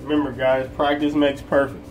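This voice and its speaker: A man's voice: level tone, moderate pace, soft background music. A man chatting playfully in a home kitchen while he cooks, jokey and upbeat. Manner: playful, jokey, with sudden high exclamations. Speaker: co-host, cooking learner. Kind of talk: casual cooking chat.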